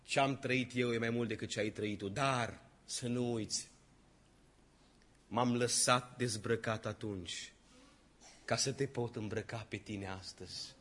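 A male preacher voicing Christ speaking solemnly and gently to a weeping woman in a sermon story. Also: mid-range voice, fairly even intonation, in a large hall, voice pushed down, close to an everyday voice. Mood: tender.

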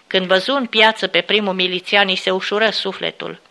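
A woman narrating a memoir aloud in a steady, solemn storytelling manner. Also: mid-range voice.

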